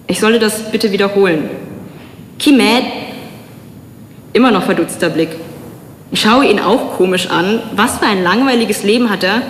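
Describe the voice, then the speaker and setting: A young woman from Germany giving a public talk, telling personal stories in an earnest, measured way with slow, emphatic pauses. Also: mid-range voice, slight background noise. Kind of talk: personal spoken-word speech. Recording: echoey hall with long reverb.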